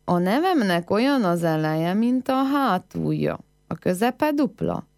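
A woman's voice: lowish voice, sing-song, creaky, darkish tone, no echo, clean studio sound. A woman voicing a clever young village girl in a folk tale, with pert, teasing riddle answers.

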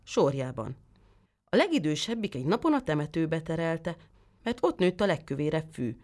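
A woman reading a fairy tale aloud with lively, expressive storytelling. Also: sits low.

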